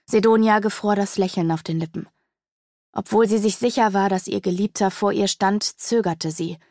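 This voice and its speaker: A woman reads fantasy narration in a measured, expressive way, her voice carrying a steady gravelly texture. The recording is dry and close, with no room sound. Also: mid-range voice, dry recording. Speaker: audiobook narrator.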